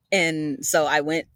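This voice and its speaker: As a guest in a relaxed chat, a young woman with a Southern accent wanders from thought to thought, leaning heavily on "like" and "you know." Her voice sits low with a touch of brightness, and the recording has no room sound at all.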